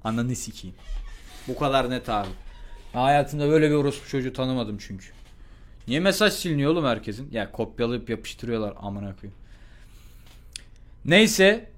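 A young man telling a school story to his live chat in a casual, profane, animated way, and acting out the people in it. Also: medium pitch, moderate pace, pauses often. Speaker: live streamer.

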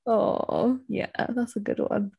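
A woman's voice: medium pitch, fairly even intonation, slow, vocal fry, mellow, husky. A young woman from England co-hosting a podcast in casual chat, laughing often. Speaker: podcast co-host.

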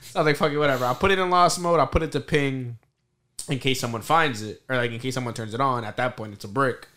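A young man with a bright, forceful voice talks like a frat bro. He tells an animated story in loose, casual slang, swearing freely and addressing his friends as bro. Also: medium pitch, fast. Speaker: podcast host. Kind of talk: casual chat, animated anecdote.

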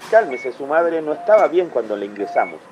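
A man's voice: a little high, very animated, brisk, highs cut off, background noise. An actor playing a male hospital doctor who gives bad news by phone, firm, patient and formal, in a radio drama. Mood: solemn.

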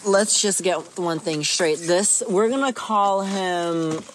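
A woman's voice: fairly low pitch, slow pace, a little hiss or hum. A young woman co-hosting a casual podcast, telling a story to the listener with lots of laughter. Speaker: podcast co-host. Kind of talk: casual chat. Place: inside a car.

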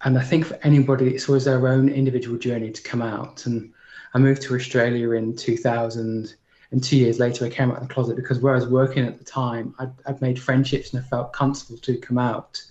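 A man in his forties from the United Kingdom, speaking as a panel guest in a measured, earnest and formal way. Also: mid-range voice, little pitch movement, a little mellow, reverberant, dull audio. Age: 40s.

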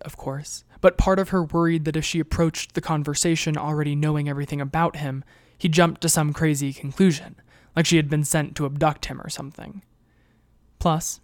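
A narrator reading a webnovel as an audiobook in a steady, even storytelling manner on a close mic. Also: mid-range voice, no echo.

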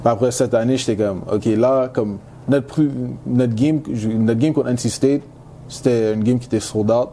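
A young man from Montreal, Quebec, Canada, a native English speaker with a Quebec accent, chats casually as an interview guest, sprinkling English slang into his French. He's a university football player, and his medium-pitched voice is steady and dark at a normal speed, with slight background noise.

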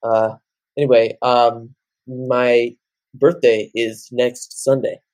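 A man in his late teens co-hosting a podcast, rambling through animated casual chat. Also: mid-range voice, takes it slowly, no echo. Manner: rambling, animated, jumps into loud off-key singing. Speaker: podcast co-host.

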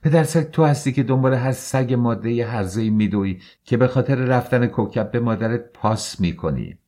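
A man voicing an angry, defiant young wife in an audiobook, throwing back sharp, scornful retorts. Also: fairly low pitch, very animated, slightly rough, full character voice. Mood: furious. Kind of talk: audiobook character voice.

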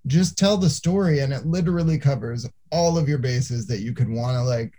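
A man's voice: medium pitch, normal speed, dark tone. A man co-hosting a podcast in casual chat, chatty and laughing often as he retells stories.

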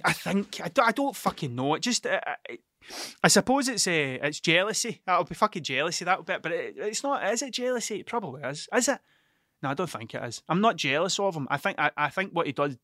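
A man with a broad Ayrshire Scottish accent talks off the cuff in a fairly high, bright, punchy voice. He swears constantly and doubles back to question himself, rambling bluntly. The sound is dry, with very little room on it. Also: no room sound. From Scotland, Ayrshire. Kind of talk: casual rambling monologue.

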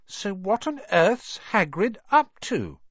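Storybook swot girl, as a male reader puts her on: high, fussy, snappish. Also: sing-song, takes it slowly, fairly bright tone, no echo, dull audio, full character voice. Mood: thoughtful. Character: bossy, anxious studious schoolgirl.

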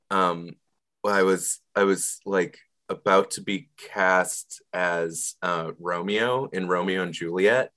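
A man's voice: low voice, a bit bright. A man in his mid-thirties co-hosting a podcast, telling stories in a wordy, hesitant way full of ums. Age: 30s. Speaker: podcast co-host. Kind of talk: casual chat.

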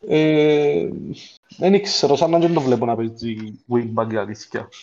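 A man with a Cypriot Greek accent talks football casually, at an average male pitch. He explains his points as a panellist, pausing to find words. The audio is dull and lo-fi. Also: warm tone. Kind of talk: casual sports discussion.

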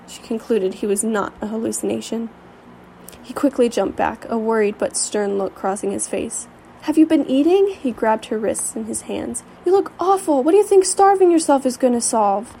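Woman narrator, low mellow tone with fry, reads storybook prose with the odd stumble. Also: slight background noise, low-quality recording. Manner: reads aloud with occasional slips and restarts. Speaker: reader.

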